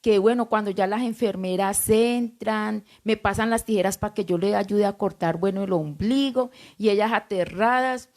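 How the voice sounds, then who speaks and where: Woman, pastor, church testimony, mellow voice, lively storytelling. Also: medium pitch, normal speed, hardly any pauses. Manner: lively storytelling, acts out dialogue.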